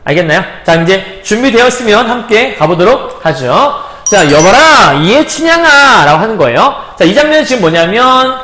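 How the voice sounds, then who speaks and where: Male teacher, bright high voice with wide swings, in an echoey room. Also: normal speed, hardly any pauses. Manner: acts out characters' lines in a lively voice; explains in plain casual terms, chuckles often. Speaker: Korean literature teacher. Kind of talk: recorded lecture on a classic novel. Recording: roomy echo.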